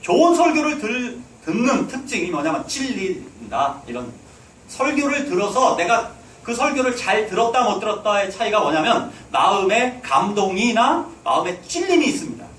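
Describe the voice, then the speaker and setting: A man's voice: high voice, very animated, normal speed, a bit bright, slight background noise. A man preaching a sermon in a church, urging his listeners on and putting rhetorical questions to them. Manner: exhorting, asks the hall rhetorical questions. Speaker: pastor. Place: church sanctuary. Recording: echoey hall, mic at a distance.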